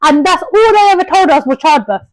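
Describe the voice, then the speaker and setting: A woman, co-hosting a casual sisters' podcast, chatty and quick to jump in with questions and tangents. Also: very high voice, lively intonation, dry recording, poor audio. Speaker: podcast co-host. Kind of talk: casual chat.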